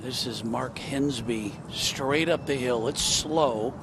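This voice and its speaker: A man delivering measured, informative commentary on a golf broadcast. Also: medium pitch. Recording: outdoor broadcast with loud background noise. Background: loud outdoor ambience.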